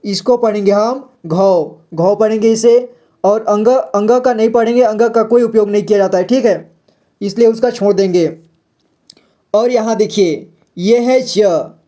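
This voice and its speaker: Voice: medium pitch, a little slow, mellow. A patient teacher walking learners through reading syllables and words step by step, repeating each sound and asking and answering their own questions. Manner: frequent "theek hai" check-ins. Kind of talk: step-by-step phonics lesson.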